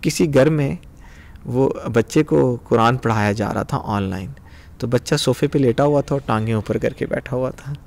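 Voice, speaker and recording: A man hosting a podcast, asking questions in a hesitant way with frequent pauses and English phrases mixed in. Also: medium pitch, vocal fry, darkish tone. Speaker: podcast host. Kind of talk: conversational podcast interview.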